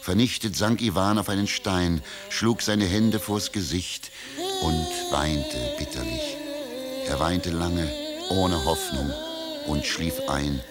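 A man narrates a scripted fairy tale. His voice is very deep, and music plays clearly behind him. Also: slow pace.

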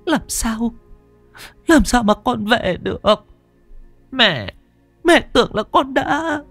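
A man voicing a grieving mother who speaks softly through tears. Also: extremely high pitch, animated, very slow, creaky, dry recording, faint music behind, pitched above the performer's own voice, exaggerated voice. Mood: weeping. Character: grieving mother, stunned and tearful.

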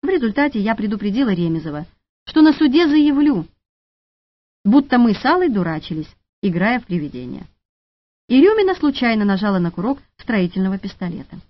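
A woman narrating an audiobook in a lively, expressive reading, in a dull, dry studio recording. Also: mid-range voice, a little fast, dry recording.

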